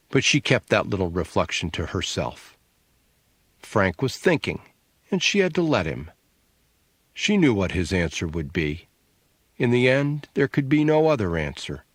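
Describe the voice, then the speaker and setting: A man reading an audiobook in a measured, expressive storytelling manner, close to the mic. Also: on the low side, no echo. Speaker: audiobook narrator. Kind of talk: scripted narration.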